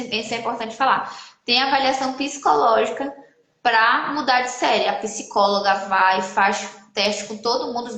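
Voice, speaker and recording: A woman, speaking casually on a live stream as a relaxed, chatty mother. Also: high voice. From Brazil. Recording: echoey room sound.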